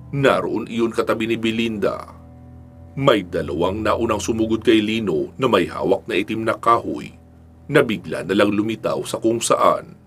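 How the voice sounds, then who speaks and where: A man narrating an action-filled serialized story in a steady, even storytelling delivery. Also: fairly low pitch, slightly rough. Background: faint background music.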